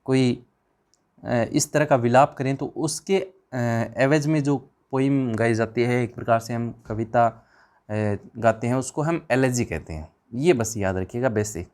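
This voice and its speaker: A man's voice: mid-range voice, measured pace, darkish tone. A man teaching an exam revision class, firing questions at the students and answering them himself in a chatty, informal way.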